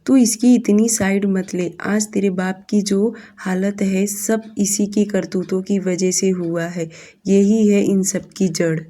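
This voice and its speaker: A woman's voice: mid-range voice, fairly even intonation, slow pace, mellow, lightly acted. A woman doing a scornful, bitter stepmother. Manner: scornful, accusing.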